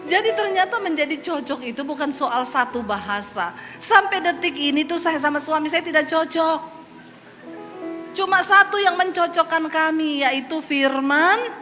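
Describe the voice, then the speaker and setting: A woman from Sulawesi giving her testimony as a preacher, a lively storyteller who slips into voices. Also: sits high, moderate pace. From Sulawesi, Indonesia. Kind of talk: testimony sermon. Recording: long hall reverb with faint music.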